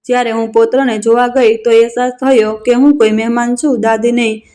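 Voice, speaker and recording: A woman narrating a scripted first-person family story in a steady, soft-spoken way. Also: a little high, brisk.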